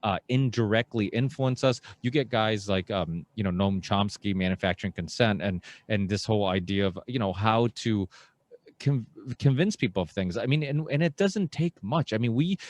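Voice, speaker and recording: A man in his thirties hosts a podcast from a small home studio, speaking into a boom mic with headphones on. His voice sits a little low and sounds very dry and close. He talks in an animated, rambling way and slips into mocking asides. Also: moderate pace, no room sound. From Portugal. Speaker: podcast host. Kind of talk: casual interview chat. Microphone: headset and studio microphone on boom arm.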